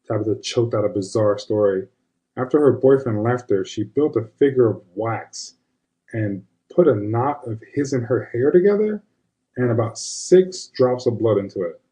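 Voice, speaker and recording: Here the same square-guy character recounts, in his own words, memories of his witch grandmother, chatting in a confiding, conversational way. The man's medium-pitched voice has lively intonation, a dark tone and a normal pace, sounding close to everyday speech on a rough recording.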